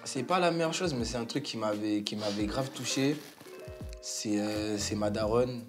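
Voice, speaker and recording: A man telling a story to friends in a casual, halting way, full of slang and fillers. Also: fairly low pitch, over music. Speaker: guest.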